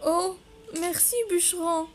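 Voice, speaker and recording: A woman's voice: extremely high pitch, flat delivery, slow pace, pitched above the performer's own voice. A woman voicing a kindly, cheerful old grandmother over seventy in a storybook, with a thin, quavering voice.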